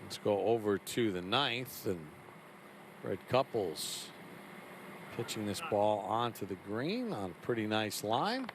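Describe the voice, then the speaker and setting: A man's voice: lowish voice, big pitch swings, unhurried. A man calling golf play-by-play as the lead commentator. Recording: clear outdoor ambient noise behind.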